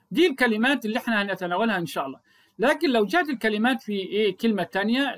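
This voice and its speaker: This English teacher is a middle-aged man whose speech carries an Egyptian Arabic accent and a high, slightly bright voice. While explaining a phonics lesson to fellow teachers, he keeps raising rhetorical questions only to supply the answers on his own.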